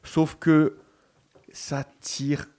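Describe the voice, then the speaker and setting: A man's voice: on the high side, level tone, very slow, a little mellow. A man presenting his column on a radio talk show, chatty and digressive, with many restarts and fillers.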